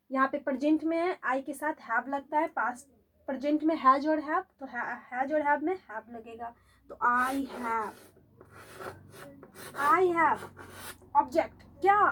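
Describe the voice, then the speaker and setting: A woman teaching English grammar in a classroom-style lesson, explaining slowly, repeating examples and asking her students whether they follow. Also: sits high.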